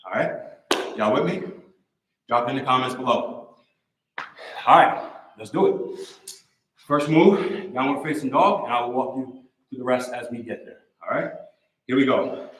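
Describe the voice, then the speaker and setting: A man coaching a live workout, energetic and encouraging, repeating short cues while a little out of breath. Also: mid-range voice, a little slow, long pauses, slight background noise. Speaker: fitness coach. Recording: roomy echo.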